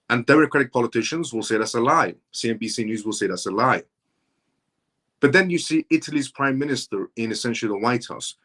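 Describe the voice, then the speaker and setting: A mid-range, fairly bright male voice. The speaker, in his thirties, hosts a live stream, reading viewers' comments aloud and responding in an insistent, emphatic, repetitive manner.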